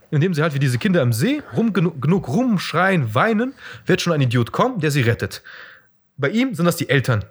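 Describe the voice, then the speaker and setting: A man's voice: fairly high pitch, husky. A young man talking bluntly and crudely in a casual podcast chat, ranting about people he knows.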